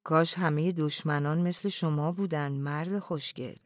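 A reader voicing a polite, smug foreign envoy who speaks in a calm, measured way. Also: no room sound, studio quality, close to an everyday voice. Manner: smooth, measured, lowered voice.

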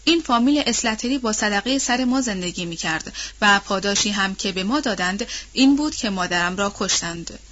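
A woman reading the part of a furious, proud young woman, with sharp, scornful, commanding lines, on a dull lo-fi recording. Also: mid-range voice, breathy edge.

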